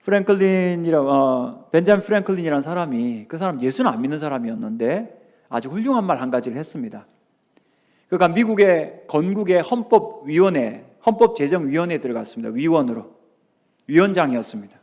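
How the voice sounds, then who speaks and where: High-voiced pastor preaching with acted-out quotes. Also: male voice, animated, fairly quick, darkish tone. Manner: acts out quoted voices, asks the congregation questions. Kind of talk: revival sermon. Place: church sanctuary.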